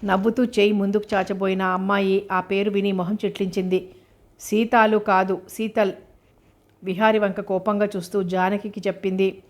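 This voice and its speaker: Woman reading a novel in a flat steady voice. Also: mid-range voice. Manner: steady, measured storytelling. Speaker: narrator.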